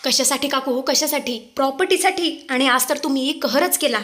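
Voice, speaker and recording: A woman's voice: high-pitched, moderate pace, a bit bright. A woman voicing an indignant young wife who confronts and accuses. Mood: accusing.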